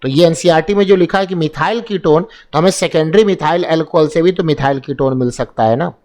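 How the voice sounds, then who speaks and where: A man with a high voice explains chemical reactions step by step for exam preparation. He keeps asking rhetorical questions and answers them himself. He repeats the key terms to drive them home. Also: fairly quick, a little mellow. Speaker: chemistry teacher.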